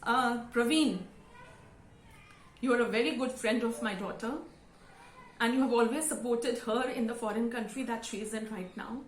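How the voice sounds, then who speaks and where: A woman of about fifty with an Indian English accent, giving a sincere, emotional thank-you speech to camera with halting fillers. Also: fairly high pitch, fairly even intonation, a little hiss or hum. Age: around 50. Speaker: vlogger and school teacher. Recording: roomy echo.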